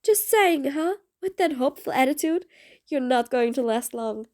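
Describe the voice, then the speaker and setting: In this audio roleplay, an actress plays a high-pitched supervillain who teases and threatens at a moderate pace, animated and somewhat dark in tone. Bossy, sardonic, cruel but patient, she still shows a reluctant affection for the person she's speaking to.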